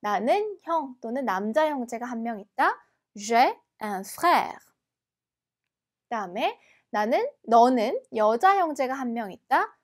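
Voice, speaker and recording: A woman teaching a language lesson, explaining patiently and repeating each word slowly and carefully. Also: a little high, very animated. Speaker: French teacher.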